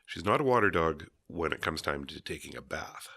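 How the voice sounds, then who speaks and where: Hoarse, gravelly male co-host with a very low, forceful voice, dry close sound. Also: expressive, fairly quick, no echo. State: hoarse, voice recovering from illness. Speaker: podcast co-host. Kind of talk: casual chat.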